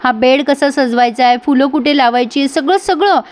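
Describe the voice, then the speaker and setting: A woman's voice: high-pitched, normal speed, lightly acted. A woman voicing a wheedling, scheming husband. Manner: wheedling, self-justifying. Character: scheming smooth-talking husband pleading innocence.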